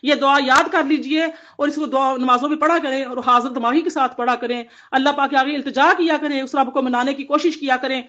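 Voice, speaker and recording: A woman's voice: high-pitched, fairly even intonation, hardly any pauses, a bit bright. A woman giving an earnest devotional Quran commentary to women, exhorting them in repeated phrases. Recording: dull lo-fi audio.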